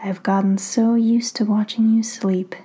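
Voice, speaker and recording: A sinister male fox spirit speaks in hushed, unhurried tones, taunting his captive, as a woman puts him on in a storybook reading. It is whispered role-play, breathy and mellow, never raised. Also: medium pitch. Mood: calm menace. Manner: calm, taunting.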